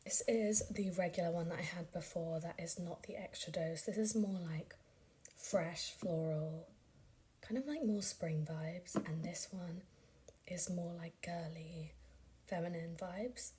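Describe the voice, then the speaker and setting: A young woman narrating a casual beauty and lifestyle vlog, talking chattily and often dropping into a soft whisper. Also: lowish voice, unhurried. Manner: chatty, enthusiastic, many fillers like "like". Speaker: beauty vlogger.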